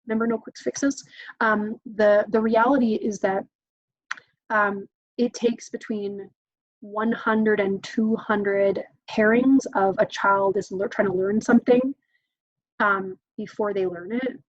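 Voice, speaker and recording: Speaking slowly with fairly even intonation, a woman in a mid-range voice leads a parenting workshop as informal teaching talk. She's casual and chatty, often plays out parent-child conversations and says "um" frequently. The recording is muffled, with no echo.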